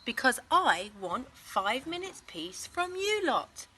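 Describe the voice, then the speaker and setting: A woman's voice: high voice, sing-song, slow, sharp tone, slight background noise, pitched above the performer's own voice, exaggerated voice. A woman voicing a weary, exasperated but fond elephant mother from a children's storybook, with emphatic, sighing delivery. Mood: exasperated, firm. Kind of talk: children's storybook character reading.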